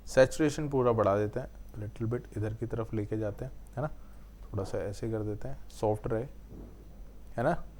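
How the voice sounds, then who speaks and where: A man's voice: on the low side, normal speed, warm tone, slight background noise. A man teaching video editing in a screen-recorded tutorial, explaining step by step, mixing in English technical terms and often checking in with "right?". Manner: explains step by step, often adds the tag question "है ना".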